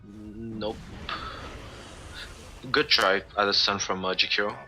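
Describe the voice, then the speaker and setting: A man's voice: lowish voice, level tone, slow pace, sharp tone, faint music behind, poor audio. A man giving casual esports analysis as co-caster, chatty critiques full of "like".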